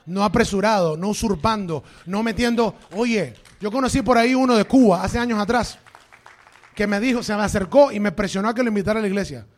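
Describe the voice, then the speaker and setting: A man's voice: high-pitched, fairly quick. A male pastor preaching a sermon to a congregation in a church, emphatic and dropping into English phrases.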